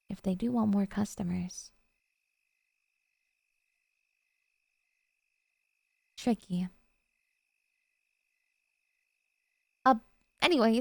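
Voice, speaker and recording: A woman with a natural, mid-range voice performs an ASMR roleplay as a devoted yandere girlfriend, her tone dark, mellow, and slightly creaky. She speaks soft and close in a musing, explanatory mood, sweet yet possessive and obsessive, in a very dry recording.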